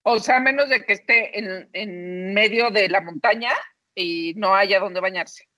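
A woman's voice: medium pitch, unhurried, sharp tone. A Mexican woman co-hosting a podcast, complaining in slangy, casual banter with her friends. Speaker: podcast co-host. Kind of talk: casual chat.

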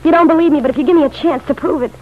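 In a vintage radio drama, an actress plays a bitter, lovelorn city woman who pleads eagerly, blunt, slangy and insistent. Her natural, high-sitting voice comes rapid-fire through a dull, noisy old radio recording.

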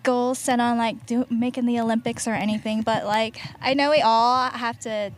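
Woman, podcast host, chatty, upbeat, rambling questions, somewhat high pitch. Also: steady tone, normal speed. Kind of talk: casual interview chat.

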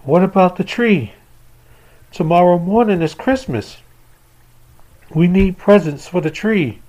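A man's voice: high voice, expressive, unhurried, a little mellow, pitched above the performer's own voice, low-quality recording. A man putting on a hopeful little boy. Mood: eager. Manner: pleading, eager questions.

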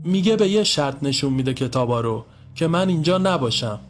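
A man voicing a shy young girl who speaks softly and hesitantly, apologizing. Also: fairly high pitch, expressive, soft background music, pitched above the performer's own voice, close to an everyday voice. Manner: soft, hesitant, pleading.

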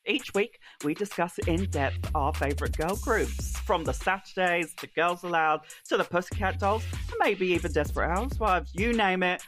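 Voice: medium pitch, moderate pace, hardly any pauses, fairly bright tone. A podcast host with an Essex accent from England, reading a scripted promo in a camp, sing-song way. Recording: music bed behind the voice.

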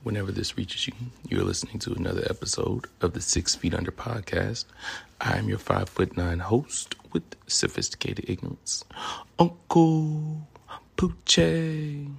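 A man with a Southern US accent and a deep, smooth voice, hosting a casual solo podcast in a playful, boastful, sweary way. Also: steady tone, normal speed, a bit bright. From Memphis, Tennessee, United States. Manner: playful, boastful, profanity-laden delivery. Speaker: podcast host.

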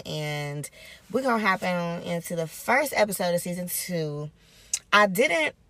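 Recorded dry, this podcast host speaks in a fairly low pitch. Her solo show is casual and upbeat yet reflective, and she tends to say phrases twice for emphasis.

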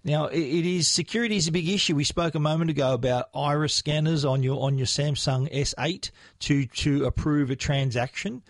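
A man's voice: fairly high pitch, a little fast, no echo, clean studio sound. An Australian man hosting a tech news podcast, talking conversationally with frequent restarts.

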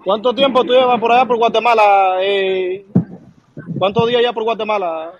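A man's voice: sits high, steady tone, moderate pace, no echo, lo-fi sound. A man teasing someone mockingly during a live argument.

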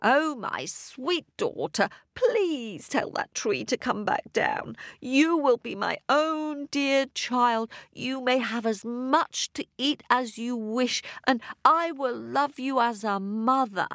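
A woman's voice: fairly high pitch, expressive, slow pace, hardly any pauses, fairly bright tone, no echo, clean studio sound, pitched above the performer's own voice, exaggerated voice. A woman voicing a greedy, grasping stepmother in a told fairy tale, growling, lip-smacking and demanding. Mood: pleading.

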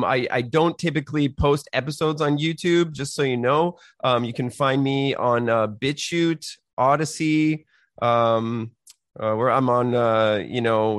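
A man hosting a podcast in a casual, halting, unscripted way. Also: medium pitch, dry recording, studio quality. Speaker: podcast host. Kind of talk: casual interview chat.

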